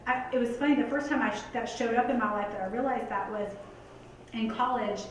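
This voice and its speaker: A woman's voice: on the high side, fairly even intonation, fairly quick, slight background noise. A woman giving a motivational talk to a live audience, earnest and conversational, full of "like" and "you guys". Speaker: motivational speaker. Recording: echoey hall picked up from a distance.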